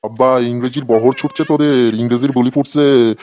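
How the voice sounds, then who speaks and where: A man with a natural, mid-range, darkish voice speaks at a moderate, steady pace. In a comedy cartoon he plays an irritable schoolteacher who threatens his pupils, scolding with angry sarcasm in exaggerated comic dialogue.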